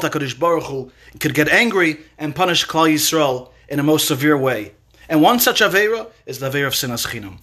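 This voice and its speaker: A man's voice: a little high, sharp tone, breathy edge. A man giving a Torah lecture, telling a parable and repeating words for emphasis. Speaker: Torah teacher.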